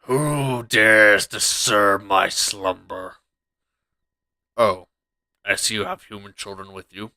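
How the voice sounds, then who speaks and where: A man's voice: lowish voice, steady tone, takes it slowly, long pauses, sharp tone, no echo, heavily acted. A man voicing an ancient, haughty guardian beast from a game, in an imperious, theatrical manner. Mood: haughty menace. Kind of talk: reading game dialogue in character.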